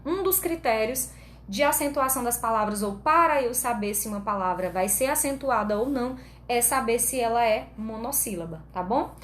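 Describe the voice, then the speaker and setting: A woman's voice: fairly high pitch, a bit bright. A woman teacher with a Brazilian Portuguese accent giving an online grammar lesson, explaining patiently step by step and checking in with her students often. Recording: echoey room with faint background noise.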